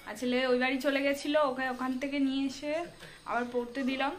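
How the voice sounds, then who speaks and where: A woman's voice: high-pitched, little pitch movement, quick pace. A young woman, chatting straight to her viewers as she records a casual home vlog. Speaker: vlogger. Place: at home, indoors and outdoors. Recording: noisy home phone recording.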